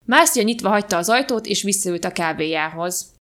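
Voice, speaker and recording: A woman podcast host reading a short story aloud in a calm, even storytelling manner. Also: medium pitch. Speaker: podcast reader.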